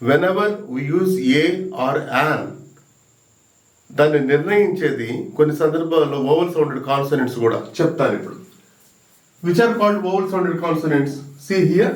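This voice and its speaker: A man teaching an exam-prep English grammar lesson, slow and emphatic, repeating key words and sounding out letters. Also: on the high side, expressive. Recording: roomy echo, mic at a distance.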